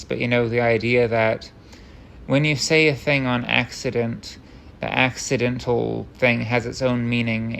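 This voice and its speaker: Gravelly man on a rambling, tangent-filled rant. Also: medium pitch, fairly bright tone, a little hiss or hum. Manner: rambling, tangent-prone rant, self-interrupting; wry, self-deprecating humor. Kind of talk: unscripted rambling monologue.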